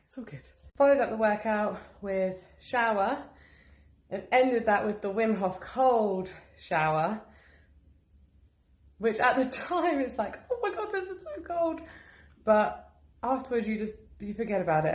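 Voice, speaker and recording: A woman's voice: medium pitch, normal speed, a little mellow, echoey room. A woman chatting casually and cheerfully in a daily vlog at home, laughing often. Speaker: vlogger and business owner. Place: at home, indoors.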